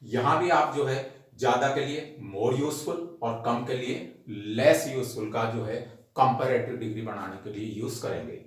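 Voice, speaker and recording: A man teaching English grammar to students. He explains each rule slowly and patiently, spells words out letter by letter, and repeats every point. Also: mid-range voice. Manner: addresses the class directly as students. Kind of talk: recorded grammar lesson. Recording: very echoey room.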